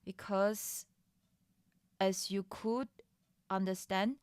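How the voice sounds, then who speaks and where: Recorded dry with studio quality, this woman's mid-range voice is a little mellow and clean, with fairly even intonation. A native Mandarin speaker and streamer, she speaks casually in English about her startup funding experience, taking her time, restarting phrases frequently, and laughing lightly.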